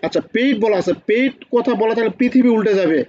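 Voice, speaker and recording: A man's voice: very high voice, quick pace, highs cut off, crowd noise. A man with a Bangladeshi Bengali accent teaching an online accounting class, often asking students questions and repeating key points.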